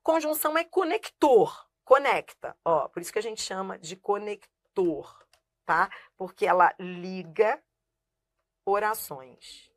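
A woman's voice: medium pitch, expressive, takes it slowly. A woman teaching a live online grammar class. She asks herself rhetorical questions, answers them at once, and keeps checking that the viewer is following while she writes on a board. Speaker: Portuguese teacher.

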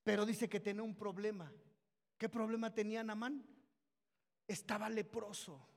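A man's voice: sits high, steady tone, moderate pace, gravelly. Guy preaching, tells bible stories, keeps saying brothers, big hall echo. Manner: storytelling, repeats "dice que", addresses listeners as brothers. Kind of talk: sermon retelling Bible stories. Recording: long reverb of a hall.

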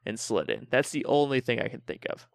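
A man's voice: mid-range voice, very animated, brisk, creaky, no room sound, clean studio sound. A man co-hosting a comedy podcast who laughs often and restarts his sentences in casual chat. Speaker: podcast co-host.

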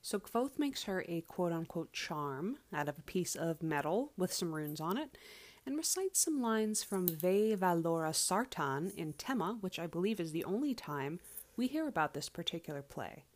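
A woman hosting a solo book podcast in an echoey space, speaking in a measured, deliberate way with dramatic pauses. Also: fairly low pitch, big pitch swings. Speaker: podcast host. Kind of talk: podcast monologue, book commentary. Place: away from usual podcast setup, echoey room. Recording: echoey makeshift recording space.

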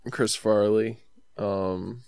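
Gravelly laid-back young man. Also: fairly low pitch, fairly even intonation, drawn-out words, darkish tone, no room sound, studio quality. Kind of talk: casual chat.

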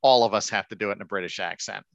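A man's voice: fairly low pitch, racing, creaky. A man on a casual podcast, blunt and swearing casually. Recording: dull lo-fi mic.

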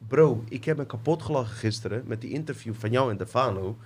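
A man hosting a casual podcast, relaxed and slangy, talking to his guest and his viewers. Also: medium pitch, quick pace, slightly rough. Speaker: podcast host.

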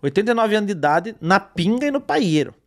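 A man with a high, bright-sounding voice tells funny stories in a relaxed interview. He talks in animated bursts, full of energy. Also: brisk. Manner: animated storytelling, lively. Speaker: comedian guest. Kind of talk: casual interview chat.

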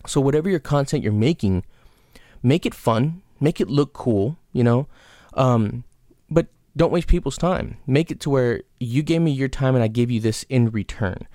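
A man's voice: medium pitch, animated, moderate pace, dark tone, no echo, studio quality. A man hosting his own podcast, giving frank, rambling advice with lots of fillers and restarts. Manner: frank, casual swearing. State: has the hiccups. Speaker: podcast host. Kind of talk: casual solo podcast advice.

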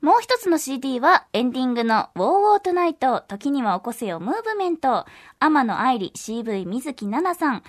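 A woman with a Kansai accent co-hosting a radio show, her voice high and very lively. She talks fast and reacts quickly to her partner. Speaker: radio host. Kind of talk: radio show chat and announcements.

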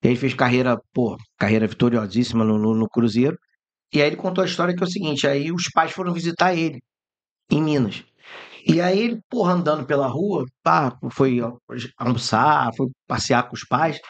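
A Brazilian man hosting a podcast, telling lively anecdotes in casual chat and mimicking the people in his stories. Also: medium pitch, a little fast, lo-fi sound. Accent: Brazilian Portuguese. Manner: animated, mimics voices in anecdotes, swears and laughs. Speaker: podcast host.

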